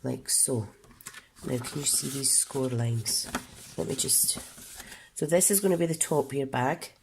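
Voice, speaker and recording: Gravelly, rumbling low and unhurried, this woman from the UK talks through a papercraft project with a little hiss or hum on the recording. She's congested and coughs, keeps up a chatty casual-tutorial manner, and stops to correct herself and explain.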